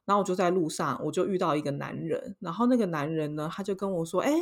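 A young woman with a Taiwanese Mandarin accent, co-hosting a podcast and telling a story in a casual, lively way, acting out voices as she goes. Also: lowish voice, quick pace. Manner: animated, acts out voices in her story. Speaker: podcast co-host.

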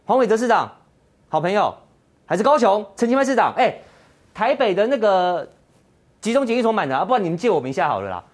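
A man's voice: high voice, sing-song, quick pace, long pauses. A man with a Taiwanese Mandarin accent hosting a political talk show, ranting sarcastically and firing mocking rhetorical questions. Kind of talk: heated political commentary.

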